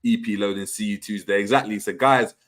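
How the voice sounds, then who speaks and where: The voice belongs to a young man hosting a laid-back football chat podcast, where he reads out viewer comments. It's lowish and fairly bright, steady in tone and fairly quick. He speaks in slang and frequently stumbles and repeats himself.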